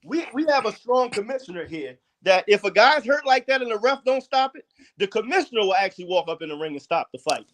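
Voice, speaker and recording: A man's voice: high-pitched, big pitch swings, fast, fairly bright tone. A man co-hosting a casual boxing podcast, arguing his points firmly and emphatically. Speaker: podcast co-host.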